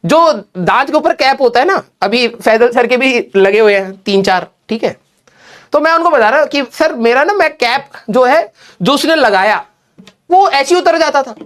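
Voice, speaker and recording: A young adult male teacher with a very high, fairly bright voice chats with his students in an online class, joking casually as he tells a story and slips in English phrases. He speaks at a normal pace with lively intonation.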